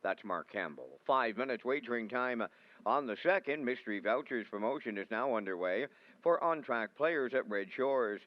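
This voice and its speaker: A man making formal, measured public-address announcements as a racetrack announcer. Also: medium pitch, no room sound, highs cut off.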